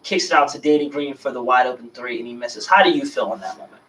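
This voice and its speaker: A man co-hosting a casual sports talk radio show, excitable and slangy, laughing easily. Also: mid-range voice, quick pace, echoey room, far from the mic, slight background noise, poor audio. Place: radio studio.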